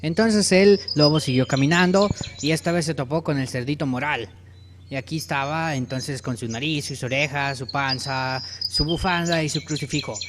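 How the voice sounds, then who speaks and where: Mexican man, improvised kids'-tale narrator, casual and self-correcting, slightly high voice. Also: moderate pace, noisy background. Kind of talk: improvised storytelling while drawing.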